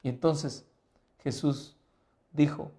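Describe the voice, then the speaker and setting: Man, pastor, Bible lesson sermon, rhetorical questions, fairly high voice, warm tone. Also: steady tone, slow pace. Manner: asks the listener rhetorical questions; emphatic, swinging between quiet and loud.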